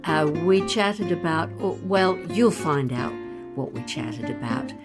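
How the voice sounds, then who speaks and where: A woman's voice: low voice, expressive, unhurried, over music. A woman in her seventies with an Australian accent, hosting a podcast conversation in a chatty, rambling way. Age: 70s. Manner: chatty, laughs easily, rambling asides. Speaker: podcast host. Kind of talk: conversational interview.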